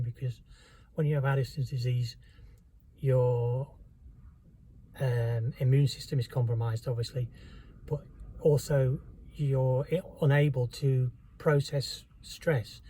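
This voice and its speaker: Halting, candid man, mellow voice. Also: mid-range voice, slight background noise, poor audio. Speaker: vlogger. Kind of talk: personal storytelling to camera.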